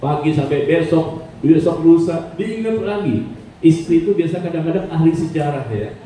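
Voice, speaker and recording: A man's voice: fairly high pitch, normal speed, mellow. A man preaching a playful, teasing sermon to a women's study group, often asking the audience to agree. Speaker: Islamic preacher. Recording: very echoey hall, distant mic, faint noise.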